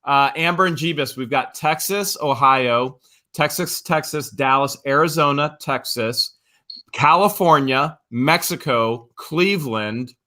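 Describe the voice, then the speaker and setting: Guy cohosting a livestream, bright punchy voice, goofy and joking, reads chat guesses. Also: mid-range voice, measured pace. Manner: joking, playful, reads viewer guesses aloud. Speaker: co-host of a live stream. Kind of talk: casual live-stream chat.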